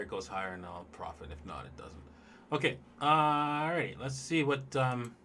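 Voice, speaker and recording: A man's voice: fairly low pitch, a bit bright, a little hiss or hum. A man hosting a casual livestream, talking loosely and in a rambling way straight to his viewers as he looks over charts. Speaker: livestream host.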